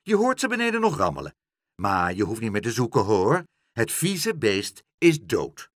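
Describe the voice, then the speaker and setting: A man's voice: fairly low pitch, huge pitch swings, normal speed, fairly bright tone, dry recording, clean studio sound, heavily acted. A man reading a storybook aloud, voicing a smug, bossy middle-aged woman who gloats over her neighbour. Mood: smug, haughty. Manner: haughty and gloating.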